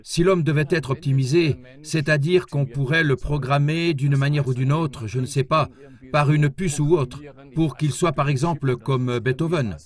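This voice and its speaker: A man's voice: a little high, moderate pace, lightly acted. A man voicing an interviewer, asking formal questions.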